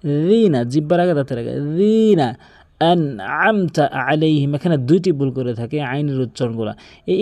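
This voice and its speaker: A man teaching correct Quran pronunciation, explaining step by step and then reciting the verses slowly and drawn out. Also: fairly high pitch, a little mellow, dry recording.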